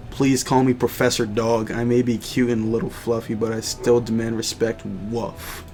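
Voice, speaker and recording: A man's voice: mid-range voice, little pitch movement, normal speed, darkish tone, soft background music, natural voice. A small fluffy dog professor from a dating game, prim and proud, demanding respect, as a man voices him. The delivery stays mock-dignified and close to an ordinary speaking voice.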